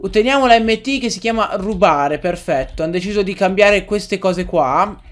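Excitable high-voiced young man gaming. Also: normal speed. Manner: excitable, yells and swears at the game. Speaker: gaming let's-player. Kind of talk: casual gameplay commentary.

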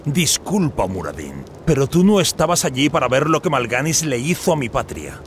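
Man playing a commanding, animated young warrior prince. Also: medium pitch, moderate pace, slight background noise, close to an everyday voice. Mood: determined. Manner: commanding, declamatory. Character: proud, determined young human warrior prince. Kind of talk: scripted fantasy game acting. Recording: game sound effects behind voice.

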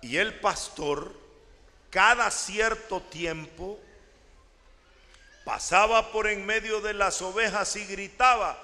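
A male lay preacher with a high, bright voice delivers a sermon slowly and dramatically, breaking into sudden shouts. His voice rings through a large church with long reverb. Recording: echoey church hall.

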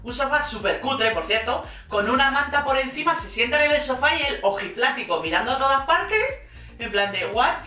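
Slangy Spanish woman, bright echoey voice. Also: sits high, sing-song, normal speed, soft background music. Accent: Spain Spanish. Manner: slangy, exasperated, sarcastic. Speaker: reality TV commentator. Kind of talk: casual recap commentary. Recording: echoey room, mic at a distance.

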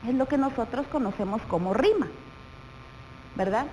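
A woman teacher with a Guatemalan Spanish accent, explaining a lesson to young pupils slowly and patiently, often asking them questions. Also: a little high, expressive, warm tone, slight background noise, poor audio. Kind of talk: televised primary school lesson.

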